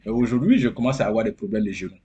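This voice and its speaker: Man, husky voice, earnest guest who repeats himself for emphasis. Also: fairly low pitch, very fast, warm tone, dull audio. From Côte d'Ivoire. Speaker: interview guest. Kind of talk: casual interview.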